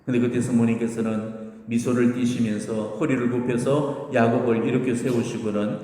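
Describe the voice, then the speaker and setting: A man's voice: mid-range voice, flat delivery, normal speed, mellow. Man preaching in a reverberant church. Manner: earnest, exhortative, retells stories with acted quotes. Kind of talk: sermon. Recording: echoey church hall.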